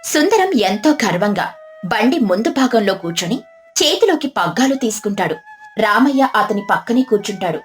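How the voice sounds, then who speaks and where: A woman narrating a scripted storybook cartoon in an even, descriptive way. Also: mid-range voice, normal speed, faint music behind.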